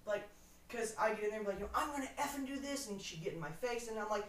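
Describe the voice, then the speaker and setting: Woman youth worker, lively storyteller, echoey room, mic set back. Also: fairly high pitch, very fast. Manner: animated storyteller, acts out her own quotes. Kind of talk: casual podcast chat. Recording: roomy, distant mic with faint ambience.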